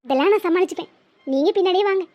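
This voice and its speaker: A woman voicing a sweet, devoted young village woman in a cartoon, in a high, soft, girlish voice. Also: rapid-fire. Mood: trusting. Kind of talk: cartoon voice acting. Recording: slightly muffled lo-fi audio.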